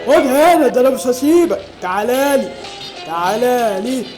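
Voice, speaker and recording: A woman's voice: a little high, lively intonation, moderate pace, natural voice, poor audio. A woman voicing a stern, scolding father. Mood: determined. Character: angry strict father hunting his son. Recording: music behind the voice.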